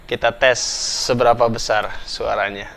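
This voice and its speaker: A young man, explaining things in a relaxed, chatty vlog and thinking aloud as he goes. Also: medium pitch, normal speed, creaky, soft background music. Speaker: motorcycle vlogger.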